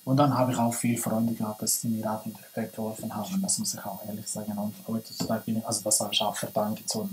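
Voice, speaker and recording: A man's voice: fairly low pitch, little pitch movement, fast talker, few pauses, a little mellow, a little hiss or hum, poor audio. A young man from Iran with a Persian accent, talking in a casual interview, hesitant and searching for words with many restarts, recorded at a table in a small room. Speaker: guest. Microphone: camera from a few meters.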